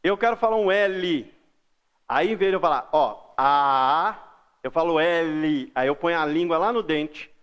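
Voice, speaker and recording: Brazilian male teacher, fairly high voice, patient lesson delivery that stretches out example words. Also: lo-fi sound. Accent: Brazilian Portuguese. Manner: patient, drawn-out example words, frequent "ó" and "beleza?". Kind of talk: recorded school lesson for kids.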